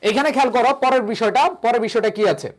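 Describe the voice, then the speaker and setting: A man's voice: very high voice, steady tone, very fast. A young man teaches an online grammar class. He fires rhetorical questions at his students and answers them himself, then coaxes and reassures them. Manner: reassuring, coaxing tone toward students. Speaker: English admission-test tutor.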